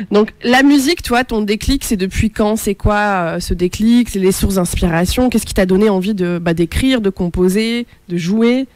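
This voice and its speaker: A woman's voice: mid-range voice, measured pace, a little mellow, dry recording. A woman hosting a radio show, introducing an artist and asking friendly, chatty questions. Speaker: radio host.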